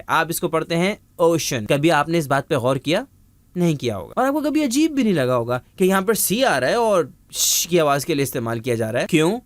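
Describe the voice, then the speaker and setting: A man teaching English pronunciation in a video lesson, explaining step by step, asking questions and repeating example words slowly. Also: a little high, no room sound.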